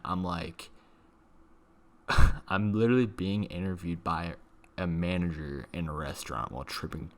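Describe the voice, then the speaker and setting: Here a young adult video creator rambles through a personal story in a low, fairly bright voice. His style is casual and slangy with plenty of swearing, and he leans hard on "like" as filler.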